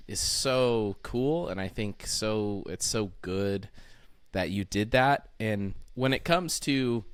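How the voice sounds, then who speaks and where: Smooth low-voiced male interviewer. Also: dry recording. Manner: friendly, encouraging questions. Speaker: interview host. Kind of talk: casual interview.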